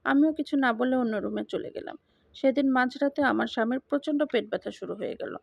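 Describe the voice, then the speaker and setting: A woman narrating a first-person story in an even, matter-of-fact way. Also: sits high, fairly quick, gravelly, no room sound. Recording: dull lo-fi dry recording.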